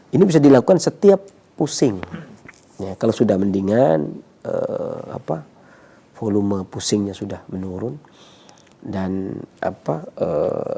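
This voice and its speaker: A man's voice: fairly low pitch, lively intonation, measured pace, vocal fry, pauses often, mellow, a little hiss or hum. A man giving explanatory health advice, repeating himself and often punctuating with a checking tag word. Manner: repetitive, checking with 'ya'. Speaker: herbal health consultant.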